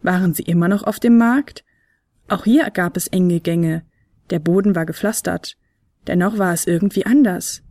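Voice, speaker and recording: A woman narrating a children's advent story in a clear, steady storytelling voice. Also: lowish voice, normal speed, no echo, studio quality.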